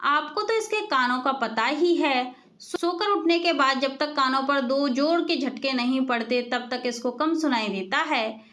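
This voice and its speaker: A woman's voice: high-pitched, measured pace, a bit bright, slight background noise. A woman voicing an apologetic village mother who pleads for her son. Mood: pleading.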